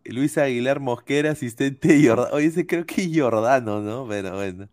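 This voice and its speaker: A man's voice: mid-range voice, moderate pace, a little mellow, no room sound. A man with a Peruvian accent hosting a casual football podcast, playful and reading viewer comments aloud. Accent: Peruvian Spanish. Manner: laid-back, playful, reads comments aloud.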